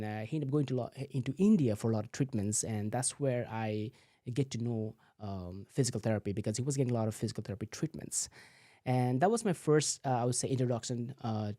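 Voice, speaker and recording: A man's voice: fairly low pitch, warm tone, dry recording, studio quality. A man, a physical therapist telling his story as a guest, full of "you know" fillers. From Nepal. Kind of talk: casual interview answers.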